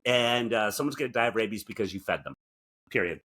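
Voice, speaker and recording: Fast and forceful, a bright, lowish male voice co-hosts a podcast full of casual comedic banter. Between reading articles aloud, he tosses off theatrical asides of mock indignation.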